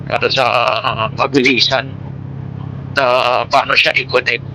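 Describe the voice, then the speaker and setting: Speaking through a Bluetooth intercom headset that also catches vehicle noise, this Filipino-accented motovlogger rambles informally and drops in English words. His voice is mid-range and flat, with a measured pace.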